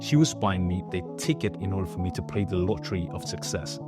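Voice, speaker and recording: A man's voice: deep voice, brisk. Earnest young man telling a story. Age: 20s. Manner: earnest, animated storytelling with acted-out quotes. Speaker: YouTuber. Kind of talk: storytelling vlog monologue. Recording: faint background music.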